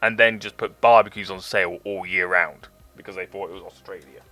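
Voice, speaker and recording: This low-pitched England-born streamer in his thirties talks fairly quickly in a steady, bright, forceful tone, faint music playing behind him. Building model kits on a live stream, he chats casually, swears freely, and has a mixed British Forces English accent.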